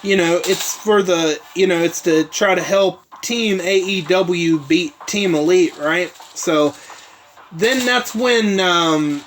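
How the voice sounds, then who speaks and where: A man's voice: sits high, slow pace, a bit bright, slight background noise. A man hosting his own show, recapping events in a rambling casual way with many asides. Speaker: host.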